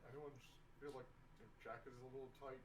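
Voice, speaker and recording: A man playing in a tabletop game over a voice call, asking joking, deadpan questions in character. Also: mid-range voice, quick pace, a crowd in the background, rough recording. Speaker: player. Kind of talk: casual role-play chat.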